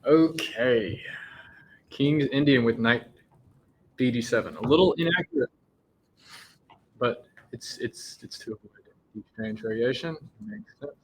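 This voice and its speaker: A man's voice: mid-range voice, a little slow, long pauses, a little hiss or hum, poor audio. A man commentating a chess game live, thinking aloud and often restarting his sentences.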